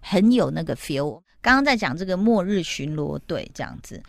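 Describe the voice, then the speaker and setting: Lively woman host retelling a story. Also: lowish voice, normal speed, gravelly, no echo, clean studio sound. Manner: animated storytelling, acting out quotes. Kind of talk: casual chat retelling a TV plot.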